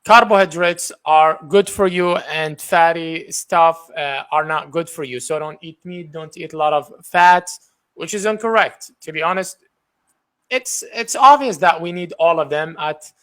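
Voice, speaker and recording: A man's voice: on the high side, unhurried, fairly bright tone. Iraqi man. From Iraq. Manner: opinionated, argues his points. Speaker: English teacher, student. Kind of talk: casual conversation practice. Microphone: professional microphone.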